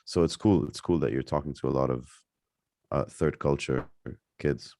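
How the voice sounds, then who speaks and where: Podcast guest: young man from Lebanon, very low voice, loose chatty delivery full of fillers. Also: normal speed, warm tone, dry recording, clean studio sound. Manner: rambling, many fillers and restarts. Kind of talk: casual interview chat.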